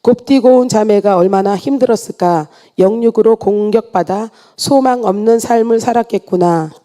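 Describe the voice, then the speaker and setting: Mellow-voiced woman reading her testimony. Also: medium pitch, moderate pace. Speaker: church member giving a testimony. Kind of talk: read-aloud church testimony.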